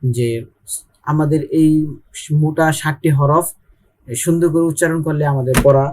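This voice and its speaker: A man's voice: a little high, fairly even intonation, normal speed, darkish tone, a little hiss or hum. A young man with a Bangladeshi Bengali accent teaching Arabic letters in an online Quran lesson, patiently repeating and drilling each sound.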